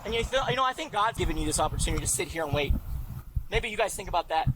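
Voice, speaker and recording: Agitated man in a heated police arrest, high voice, loud static-filled bodycam audio. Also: animated, rapid-fire. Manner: agitated, yelling and cursing. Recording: bodycam clip with loud noise.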